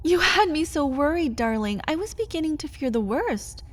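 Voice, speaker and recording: A woman's voice: high-pitched, big pitch swings, normal speed. A woman voicing a clingy, pleading young vampire-bitten lover in a whispered role-play, full of doting endearments.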